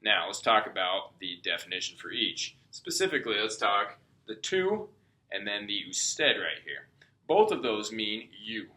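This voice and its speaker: A man's voice: lowish voice, big pitch swings, unhurried, pushed and bright. A man teaching a step-by-step language lesson, patiently explaining and checking in with "okay?" as he goes. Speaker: Spanish tutor. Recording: echoey room.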